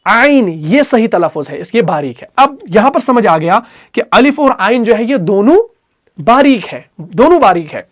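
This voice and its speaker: A man with an Urdu accent teaching Quran recitation rules, patiently repeating letters and sounds slowly. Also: high-pitched, big pitch swings. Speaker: tajweed teacher.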